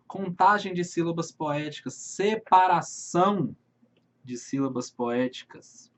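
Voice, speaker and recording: A man with a Brazilian accent teaching literature in an online video lesson, speaking straight to his viewers and slowing down to read verses aloud. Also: high voice. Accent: Brazilian Portuguese. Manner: friendly, addresses viewers directly, slows to read verses.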